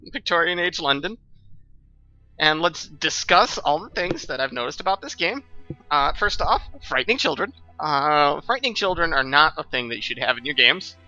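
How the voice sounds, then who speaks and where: A man's voice: on the high side, pushed and bright, dull audio. A young adult man doing sarcastic, ranting, profane gaming commentary. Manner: ranting, sarcastic, laughs often. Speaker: let's play commentator.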